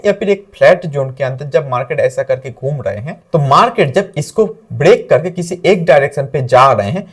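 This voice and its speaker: A man's voice: fairly high pitch, husky. A man teaching trading, walking through chart examples and mixing English terms into Hindi speech. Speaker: trading instructor.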